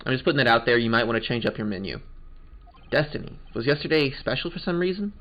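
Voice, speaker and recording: A man's voice: mid-range voice, animated, fast, lo-fi sound, a little hiss or hum. Chatty man doing game commentary. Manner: chatty, joking asides. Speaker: game playthrough narrator. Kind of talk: casual gaming commentary.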